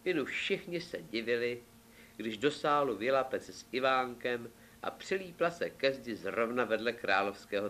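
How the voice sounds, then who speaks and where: A man reading a fairy tale aloud with lively, playful narration. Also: medium pitch. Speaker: storyteller.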